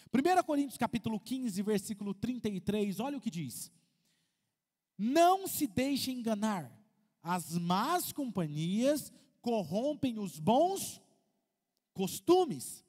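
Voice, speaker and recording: A man with a Brazilian Portuguese accent, preaching an animated sermon as pastor, asking the congregation questions and acting out quotes. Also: extremely high pitch. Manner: lively, asks the congregation questions, acts out quotes. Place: large church hall. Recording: long hall reverb.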